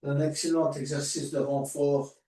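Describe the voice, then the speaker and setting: A man guiding a yoga class, giving calm, drawn-out cues for breathing and movement. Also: a little high. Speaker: yoga teacher. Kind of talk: guided yoga class instruction. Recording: echoey room, voice far from mic.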